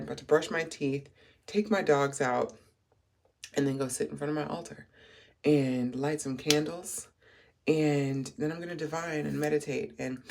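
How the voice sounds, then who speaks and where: A person in their thirties, a spiritual life coach, talking through a casual morning vlog in a groggy just-woke-up voice, rambling and reflective with many fillers and restarts. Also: medium pitch. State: groggy morning voice after little sleep.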